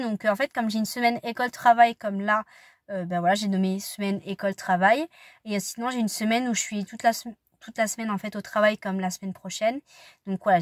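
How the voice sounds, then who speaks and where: A woman's voice: medium pitch, no room sound. A woman in her twenties, a student vlogger, talking casually to the camera in a chatty, rambling way with apologetic asides. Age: 20s. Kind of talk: casual vlog chat to camera.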